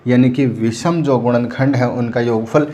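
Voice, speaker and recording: A man's voice: mid-range voice, fairly even intonation, unhurried, mellow. A man teaching math at a board, asking and answering his own questions and often telling students to pay attention. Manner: asks and answers his own questions, repeats "ध्यान देना". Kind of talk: classroom lecture at a board.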